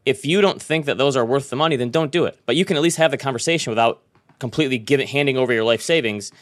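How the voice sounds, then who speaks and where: A man's voice: medium pitch, rapid-fire, no room sound, clean studio sound. A man hosting a podcast in a casual, conversational style. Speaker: podcast host.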